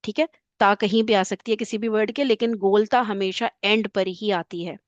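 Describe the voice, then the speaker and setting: A woman's voice: mid-range voice, steady tone, dry recording. A woman teacher patiently recapping a grammar class, often checking that students follow. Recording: dull lo-fi voice.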